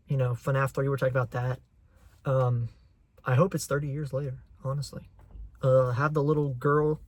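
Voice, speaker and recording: A young man hosting his own channel, chatting casually and excitedly as a fan with a rambling flow. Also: medium pitch, no room sound. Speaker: channel host. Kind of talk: casual chat.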